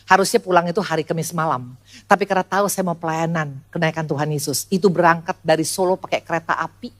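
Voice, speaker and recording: A woman in her sixties preaching a lively sermon to a church congregation, calling out to the audience and dropping to quiet asides. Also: fast talker. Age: 60s. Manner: animated, swings from loud high calls to low quiet asides. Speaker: pastor. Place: church service before a congregation.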